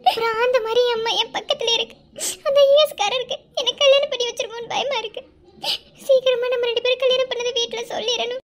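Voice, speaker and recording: A woman voicing a tearful young wife in a cartoon, pleading emotionally in a Madurai Tamil accent. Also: extremely high pitch. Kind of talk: cartoon voice acting.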